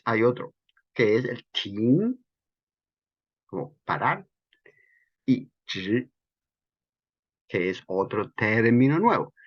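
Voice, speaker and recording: A man explains breathing technique as a qigong instructor, with a husky, slightly breathy voice. He talks in an unhurried way and carefully repeats the key terms. The recording sounds dull and lo-fi. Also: mid-range voice.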